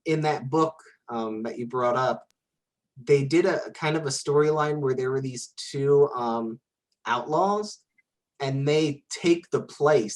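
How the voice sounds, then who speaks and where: Male co-host with a mid-range voice, halting and filler-heavy. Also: mid-range voice. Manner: hesitant, full of "uh" and "like". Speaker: podcast co-host. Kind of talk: casual podcast chat.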